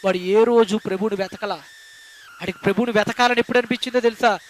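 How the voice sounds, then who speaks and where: A man's voice: sits high, steady tone, quick pace, a little hiss or hum. A male pastor preaching a sermon, speaking emphatically and asking the congregation rhetorical questions. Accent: Telugu.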